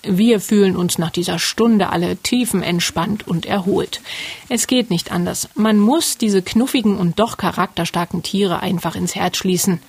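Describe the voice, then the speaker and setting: A woman calmly narrating a documentary report as a reporter. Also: mid-range voice, moderate pace, slightly rough. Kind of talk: scripted narration.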